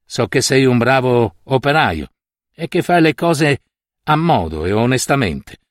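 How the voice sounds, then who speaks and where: A man voicing a gruff, scornful old landowner in an audiobook story, brusque and commanding. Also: medium pitch, very animated, measured pace, no room sound, studio quality. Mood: businesslike.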